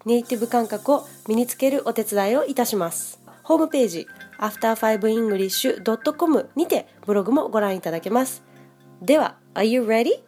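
A Japanese woman with a fairly high voice hosts a podcast lesson on English pronunciation. She talks in a chatty, friendly way and slows down to speak careful English. Faint music plays underneath. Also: lively intonation, mellow, slightly rough. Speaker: podcast host and English teacher.

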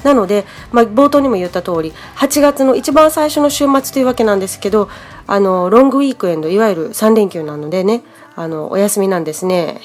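A woman's voice: mid-range voice, expressive, fairly quick, darkish tone, faint music behind. A woman from Japan hosting a podcast English lesson, explaining in a friendly, chatty way. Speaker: English teacher, podcast host.

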